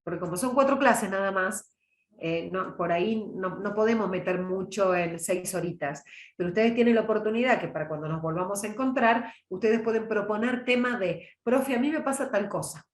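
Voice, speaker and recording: Speaking at a normal speed in a medium-pitched voice, with a roomy sound, this middle-aged woman from Córdoba carries a mild Argentine accent. She runs a public speaking class online as a chatty, casual lecture, warmly answering questions from the chat by name.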